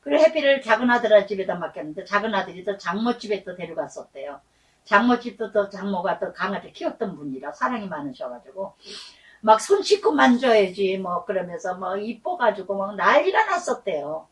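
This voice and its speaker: A middle-aged woman pastor preaching a sermon, telling stories in a lively way and acting out the voices she quotes, stretching words for emphasis. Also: mid-range voice, brisk, far from the mic, low-quality recording.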